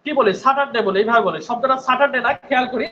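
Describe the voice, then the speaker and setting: A man's voice: extremely high pitch, racing, bright, forceful tone, dull audio, slight background noise. A male English teacher giving an online spoken English class, patiently repeating words and often checking in with his students.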